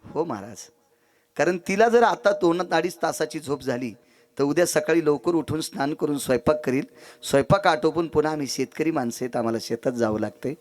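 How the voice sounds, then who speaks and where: A man preacher voicing a humble, tearful male farmer who speaks low and pleading, in a devotional sermon story. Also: brisk, lightly acted. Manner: low, subdued, earnest pleading.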